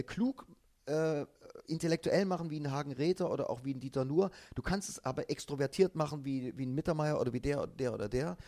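A man's voice: a little high, creaky, darkish tone. A middle-aged man, a comedian, talking at length in an emphatic, encouraging way in a casual chat.

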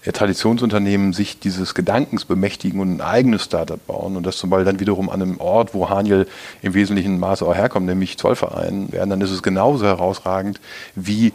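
Man, 50s, from East Westphalia, very low gravelly voice; measured, hesitant interview guest. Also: fairly even intonation, darkish tone. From East Westphalia, Germany. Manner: hesitant, many filler sounds, measured. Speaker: interview guest, business executive. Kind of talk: casual interview talk.

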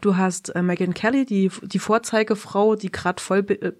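A woman in a casual film review conversation, thinking aloud as she talks and pausing often to search for words. Her voice sits at a middle pitch and sounds close and dry. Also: fairly even intonation, darkish tone, no room sound. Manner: thoughtful, searching for words, many hesitations.

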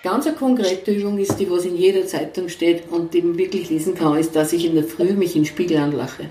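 A woman speaks earnestly as an interview guest, full of anecdotes. Her voice is dark and mellow. It sounds roomy, with the mic set back from her. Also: fairly low pitch, a little fast, a little hiss or hum. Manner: earnest, storytelling, quoting others. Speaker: guest, author and coach. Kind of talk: conversational interview. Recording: roomy, somewhat distant mic.

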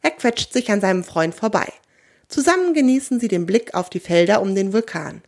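Woman storyteller, children's audio story, mid pitch, lively melody, gentle. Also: moderate pace.

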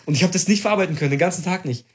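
A young man in casual chat, telling a story with excitement, slang and swearing. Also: high voice, racing.

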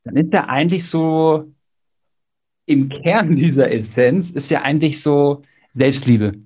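A man's voice: fairly high pitch, unhurried, darkish tone, breathy edge. A man hosting a casual podcast conversation, reflective, hedging his words with many fillers.

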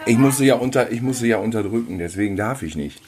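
A man's voice: on the low side, expressive, fast talker, darkish tone, slight background noise. A middle-aged man co-hosting a podcast in casual chat, with ironic, mock-grand banter. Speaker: podcast co-host.

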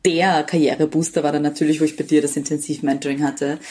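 A woman appearing as a podcast guest, introducing herself in relaxed casual chat and laughing easily. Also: deep voice, fast, slightly rough. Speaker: podcast guest, media mentor.

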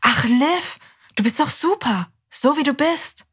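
A woman's voice: high voice, expressive, measured pace, fairly bright tone. A woman hosting a children's show who talks to the kids directly in a cheerful, reassuring way.

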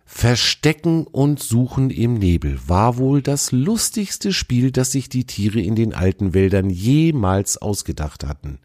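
A man's voice: mid-range voice, sing-song, a little slow, hardly any pauses, a little mellow, no room sound, studio quality. A man narrating a children's story in a storytelling manner.

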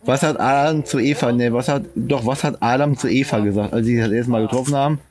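A man co-hosting a podcast outdoors, telling and reading jokes aloud, animated and quick to laugh. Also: mid-range voice. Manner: animated joke-teller, breaks off laughing. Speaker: podcast co-host. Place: outdoors on a country estate.

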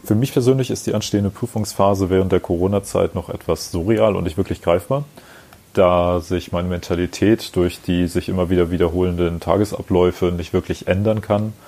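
A young male student answers a radio interviewer. His voice is very deep, with a dark, mellow tone. He speaks in measured, formal sentences. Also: steady tone.

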